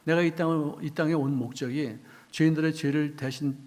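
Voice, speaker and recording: Quizzing the congregation and performing quoted voices, this middle-aged pastor's sermon jumps abruptly between loud bursts and whispered asides. His voice is on the high side, with fairly even intonation and a moderate pace.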